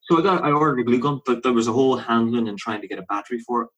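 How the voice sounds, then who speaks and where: A husky-voiced man chatting casually as a podcast co-host. His voice sits at an ordinary pitch for a man. He rambles, restarts his sentences and jumps up in pitch when a story excites him. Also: rapid-fire, low-quality recording. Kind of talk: casual chat.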